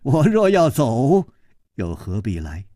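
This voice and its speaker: Man doing a calm, mocking young hero. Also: mid-range voice, no room sound, studio quality. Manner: calm, unhurried, faintly mocking.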